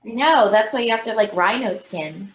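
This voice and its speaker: A woman in her thirties chats as a guest, speaking casually and leaning on "like" and "you know". Her voice sits at an ordinary pitch. The recording is roomy and a little dull. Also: brisk, a little hiss or hum. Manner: chatty, frequent "like" and "you know" fillers. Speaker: guest voice actress. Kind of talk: casual interview chat. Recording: roomy, slightly dull podcast audio.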